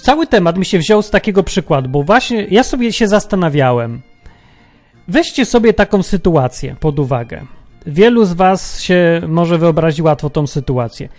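High-voiced man musing aloud. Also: a little mellow. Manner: musing, many rhetorical questions. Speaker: podcast host. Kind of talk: reflective religious monologue.

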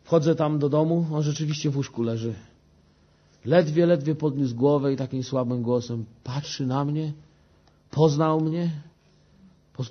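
A man preaching, telling a personal testimony in an earnest way and often turning to his listeners. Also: on the high side. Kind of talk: personal testimony told to a congregation. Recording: dull lo-fi recording.

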